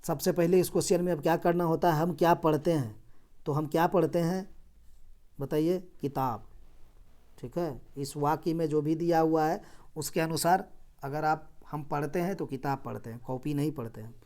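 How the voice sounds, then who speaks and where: A man's voice: fairly high pitch, normal speed, darkish tone. A man explaining exam reasoning questions step by step, often asking rhetorical questions and repeating himself. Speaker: exam coaching teacher.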